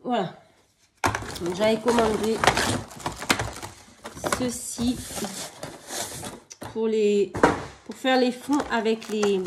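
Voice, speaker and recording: A woman, a mother, showing her craft purchases in a casual haul video, speaking slowly with many hesitations and fillers. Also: a little high, heavy background noise. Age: adult, with children. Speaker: craft vlogger.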